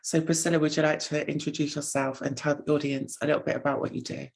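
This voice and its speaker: A woman's voice: low voice, level tone, fast talker, creaky. A woman hosting an interview podcast, asking questions and giving upbeat, encouraging prompts. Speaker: podcast host.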